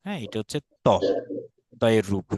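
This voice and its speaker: A man's voice: normal speed, a little mellow. A man with a Bangladeshi Bengali accent teaching an online language class. He explains patiently, repeats sounds for students to echo, and mixes in English words. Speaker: Sanskrit teacher.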